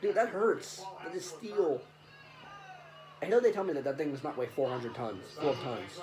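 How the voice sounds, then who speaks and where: A man co-hosting a casual wrestling reaction chat, excitable and rambling. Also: moderate pace, poor audio. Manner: excitable, rambling, jumps pitch when surprised.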